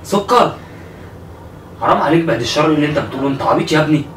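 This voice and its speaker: Young Egyptian man, anxious rapid questions, roomy distant mic, room noise. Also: fairly high pitch, a bit bright. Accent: Egyptian Arabic. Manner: worried, pressing questions, comforting. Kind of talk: caught-off-guard conversation.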